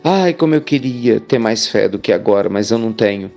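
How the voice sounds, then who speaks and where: A man's voice: on the low side, animated, brisk, creaky, a little mellow, lo-fi sound, faint music behind. A man voicing a desperate male mountain climber stranded on a rope, pleading and stubborn. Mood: praying.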